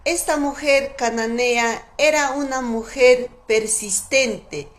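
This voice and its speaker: A woman preaching a sermon in a slow, emphatic, fervent way, repeating her key words. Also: a little high.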